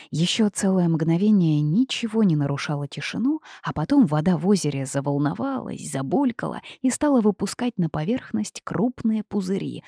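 A woman narrating a first-person audiobook in a measured, expressive storytelling manner. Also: sits low, vocal fry, husky, no echo, clean studio sound.

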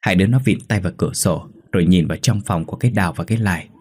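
Người đàn ông giả giọng ông chồng già cứng đầu, nói lắp bắp. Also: male voice, low voice, a little mellow, slightly rough. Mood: earnest. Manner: halting, stammering whispers when terrified. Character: elderly village husband, stubborn, easily frightened.

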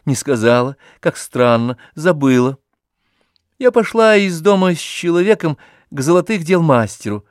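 A man's voice: on the high side, very animated, dry recording, studio quality, pitched above the performer's own voice. Olga, a man voicing a teasing young woman. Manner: teasing, carefree, quick changes of subject. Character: playful teasing young woman, lively, mischievous.

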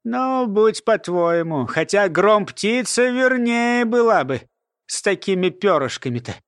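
A sardonic old woman explains and scoffs in a lecturing tone, read by a man. She sounds high and dry up close, with no room around her, in an audiobook. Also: animated, a little slow, fairly bright tone, clear, resonant tone, no room sound, full character voice. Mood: wry. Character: sly, grumpy old woman, a lore-keeper. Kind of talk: audiobook character voice.

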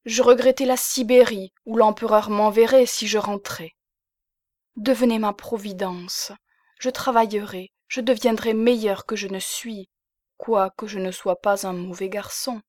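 A woman's voice: mid-range voice, steady tone, unhurried, darkish tone, dry recording, lightly acted. Young grateful exile, read by a woman; fervent, pleading, dry sound. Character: young male Polish exile, grateful and emotional.

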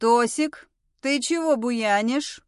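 A woman's voice: a little high, animated, a little slow, dry recording. Brief: practical, stern woman, read by a woman, dry close sound. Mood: firm. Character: calm, practical woman, stern when needed.

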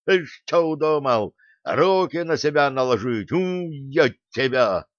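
A man voicing a gruff, hot-tempered bearded male warrior who growls and barks orders, in an audiobook reading. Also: fairly high pitch, lively intonation, takes it slowly, no echo, voice pushed up. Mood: furious. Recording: dull dry recording.

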